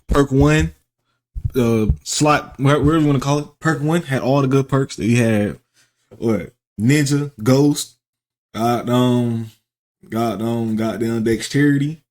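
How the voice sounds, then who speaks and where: A man's voice: mid-range voice, unhurried, darkish tone. A man giving casual, off-the-cuff gaming reactions in slangy, repetitive, stop-and-start phrases.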